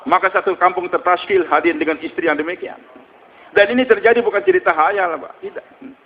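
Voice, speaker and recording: A male preacher delivering a storytelling sermon. He speaks in a high voice and keeps asking rhetorical questions. The sound is muffled and carries a long hall reverb. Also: animated, fairly quick, a little hiss or hum. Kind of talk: religious sermon.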